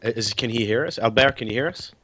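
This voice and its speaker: A male panelist talks off the cuff in an average-pitched voice. He presses his points emphatically, stopping and repeating words as he goes. The sound is a bit dull, like an online call. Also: bright, forceful tone, no echo. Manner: emphatic, halting and repetitive. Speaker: panelist and translator. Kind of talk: unscripted panel discussion. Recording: muffled online call audio.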